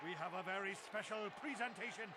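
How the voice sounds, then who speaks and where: A flamboyant game arena ring announcer, played by a male actor, pitched very high for a man. He delivers theatrical, drawn-out boxing-style introductions over a roaring crowd. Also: very noisy, lightly acted. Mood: showy, building hype. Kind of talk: video game voice acting.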